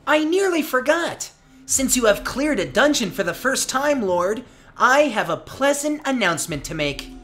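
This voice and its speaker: A very high-pitched, polite angel girl. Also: sing-song, moderate pace, fairly bright tone, faint music behind. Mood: bright, eager. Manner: formal, eager, explanatory. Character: polite, chirpy young girl angel serving her lord. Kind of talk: video game voice acting.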